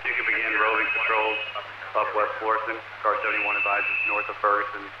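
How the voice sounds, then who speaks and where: A man's voice: lowish voice, completely flat delivery, brisk. A man working as a police dispatcher, calling out terse radio codes over a two-way police radio transmission. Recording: lo-fi radio with loud static.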